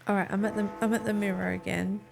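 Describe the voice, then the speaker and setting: A woman's voice: mid-range voice, little pitch movement, fast talker, vocal fry. A woman chatting casually with friends as she streams a game.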